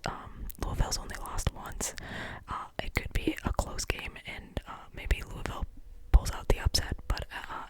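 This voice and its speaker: A host with a Midwestern American accent, giving whispered ASMR sports talk up close to the mic, rambling with many ums and restarts. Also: rough recording.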